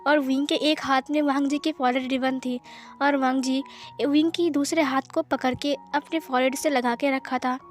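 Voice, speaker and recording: A woman's voice: high-pitched, steady tone, normal speed, faint music behind. A woman narrating a fan-fiction story, retelling it plainly scene by scene.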